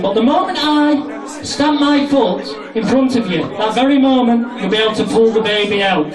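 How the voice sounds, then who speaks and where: A British man hosting a bawdy comedy hypnosis show, brash, sweary and commanding in his stage patter. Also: very high-pitched. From Britain. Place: live show in a large indoor venue. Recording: echoey crowded room, distant mic, noisy audience.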